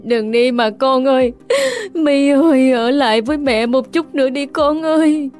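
A heartbroken middle-aged mother, put on by a male narrator, cries and pleads in a very high, strained voice. Faint music plays beneath her lines in this audio ghost story. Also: steady tone, unhurried, a little mellow. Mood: grieving. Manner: sobbing, pleading.

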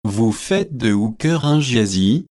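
A man reading the lines of a skeptical, teasing young man in a storybook, slow and measured. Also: medium pitch, lively intonation, darkish tone, dry recording, studio quality.

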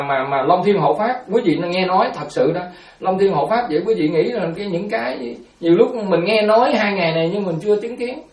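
A Buddhist monk giving a storytelling dharma talk. He speaks in an animated way, repeats words and acts out quotes. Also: sits high, echoey room, distant mic.

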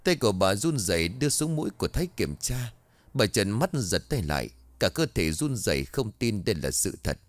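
A man narrating a ghost story in a low voice. His reading is expressive, with pitch that rises and falls dramatically, and it is recorded close and dry with no room sound. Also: moderate pace, no room sound.

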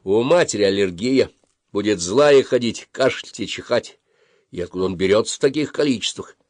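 A man's voice: lowish voice, animated, normal speed, dry recording. A man reading aloud voices a bossy young boy who leads his friends and gives stern orders. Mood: grumbling.

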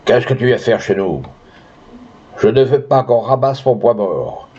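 A man's voice: medium pitch, lively intonation, unhurried, dark tone. A man playing a cruel, pompous rich landowner who bullies and boasts, in a dull lo-fi recording. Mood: furious. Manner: boastful, then furious and bullying.

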